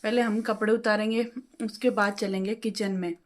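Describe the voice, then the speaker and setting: A middle-aged woman vlogger chatting at home, talkative and quick with her words. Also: mid-range voice, level tone. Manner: talkative, fast-talking. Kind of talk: casual home vlog chat. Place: home, balcony and kitchen.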